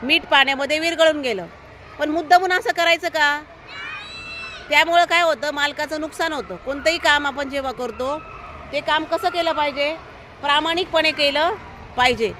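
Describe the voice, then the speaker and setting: A woman's voice: sits high, normal speed, sharp tone, a faint crowd, slight background noise. A woman teaching a class of young children, telling a story and asking them constant questions, with firm, encouraging instructions. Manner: asks the children constant questions, coaxing answers. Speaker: primary school teacher. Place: school, with outdoor traffic noise behind.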